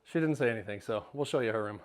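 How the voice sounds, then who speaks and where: A man's voice: fairly low pitch, rapid-fire. A middle-aged man, joking and rambling as he walks viewers through his home, sometimes out of breath. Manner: joking, rambling, self-deprecating. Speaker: homeowner giving a house tour. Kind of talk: casual house tour vlog. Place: large house, indoors, walking between rooms.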